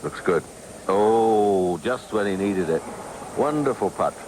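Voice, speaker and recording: A man giving measured, understated live commentary on a golf tournament. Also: lowish voice, very animated. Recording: noisy outdoor 1980s TV broadcast.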